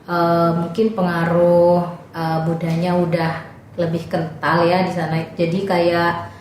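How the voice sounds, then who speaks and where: A woman's voice: lowish voice, completely flat delivery, slow pace, darkish tone. A young woman, a volunteer teacher, telling her experiences in a casual, chatty podcast interview. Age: young adult. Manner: chatty, many fillers, acts out students' voices. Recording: very echoey room with faint noise.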